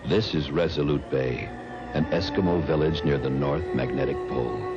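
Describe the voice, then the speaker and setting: A man's voice: extremely low pitch, highs cut off. A man reading solemn, documentary-like scripted narration for a TV commercial. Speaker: commercial announcer. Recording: old TV ad, loud music bed.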